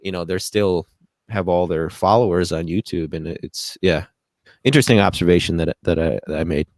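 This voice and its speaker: A man's voice: low-pitched, a little fast, darkish tone, dry recording. An American man hosting a podcast over a video call, rambling and hesitant, his audio sometimes breaking up. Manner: rambling, hesitant, many restarts. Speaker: podcast host.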